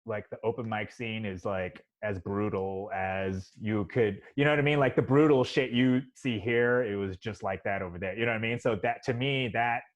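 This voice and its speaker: A man's voice: lowish voice, steady tone, normal speed, few pauses. A man hosting a podcast, chatting in a rambling, profane way with lots of "you know". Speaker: podcast host. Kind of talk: casual podcast chat. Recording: slightly dull sound.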